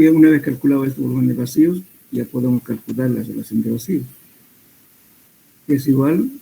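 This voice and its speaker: Hombre de voz grave y rasposa. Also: male voice, mid-range voice, rough recording. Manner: steady explanatory teaching with hesitant fillers and self-corrections. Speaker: soil mechanics lecturer. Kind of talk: classroom lecture.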